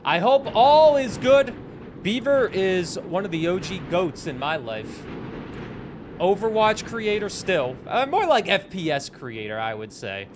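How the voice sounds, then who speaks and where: A New England man in his twenties chats casually with his live-stream audience while playing a game, animatedly reading and answering messages from the chat. His voice sits high, his pace is measured, and the background is noisy.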